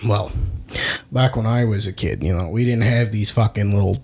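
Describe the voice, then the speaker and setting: A man's voice: fairly low pitch, normal speed, darkish tone, close to an everyday voice. A man playing a crude, rambling guest who poses as a podcast expert in an improvised comedy sketch. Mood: boastful, rambling. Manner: rambling, crude, confidently clueless, fake-tearful. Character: crude clueless man posing as podcast guru.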